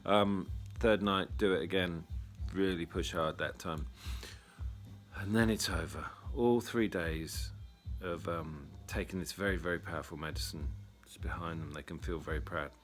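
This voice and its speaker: A man's voice: low voice, moderate pace, soft background music. A man, a retreat leader telling a story in a casual monologue, blunt, wry and full of swearing.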